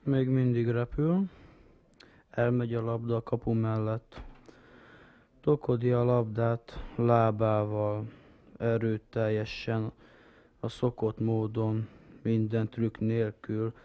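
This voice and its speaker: A man playing an indifferent football commentator in a comic radio sketch, deadpan and laconic, in short halting phrases. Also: mid-range voice, vocal fry, no echo, dull audio, close to an everyday voice. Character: indifferent, unbothered male football commentator stating the obvious. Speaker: sports commentator.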